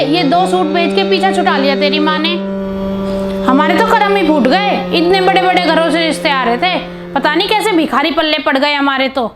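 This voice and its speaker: A woman's voice: high-pitched, close to an everyday voice. Woman voicing a scornful, greedy mother-in-law. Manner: scolding, insulting. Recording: piano music behind.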